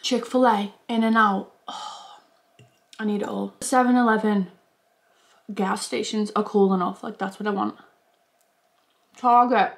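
A woman's voice: mid-range voice, fairly even intonation, unhurried, creaky, pauses often. Young woman, mukbang vlog, gushing chatter, chewing between lines. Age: 20s. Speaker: YouTuber.

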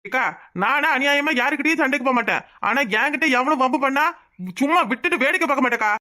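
A woman voices a hot-tempered young village man in a cartoon, fiercely protective of his family and vengeful. He speaks in a high, bright, fast voice. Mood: fiery. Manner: fiery, vengeful. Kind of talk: cartoon voice acting.

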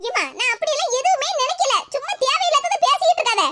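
A woman's voice: very high-pitched, animated, fast talker, heavy background noise. A woman voicing a defensive young college student in a cartoon, with a Kanyakumari Tamil accent. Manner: pleading, defensive. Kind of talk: cartoon comedy dub.

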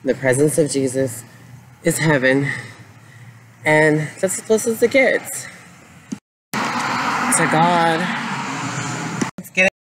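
A young man films an upbeat street vlog on a handheld camera held at arm's length, both outdoors and in a car, asking passersby their sign and repeating a stock thank-you phrase. His voice is a little high, slow, and full of pauses, and the phone video is noisy outdoors.

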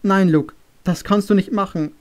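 A man's voice: a little high, normal speed, darkish tone, natural voice. A man reading an audiobook, voicing a tearful mother who pleads with her son. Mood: pleading, tearful. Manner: sobbing, pleading.

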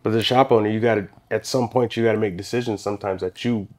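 A fast-talking man in his thirties with a lowish voice, guesting on a podcast from a small studio, recounts his life as a barbershop owner. The storytelling is casual and meandering, full of restarts, and picks up energy during retold scenes.

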